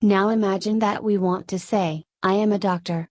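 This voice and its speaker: Spanish accent lady teacher, steady step by step explaining, mid voice, super dry recording. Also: medium pitch, normal speed, dry recording. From Spain. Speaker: Korean language teacher. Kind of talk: scripted lesson narration.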